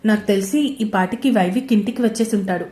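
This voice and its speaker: A woman's voice: mid-range voice, fast, warm tone, natural voice. Woman reading as a caring young man. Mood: gentle. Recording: roomy echo.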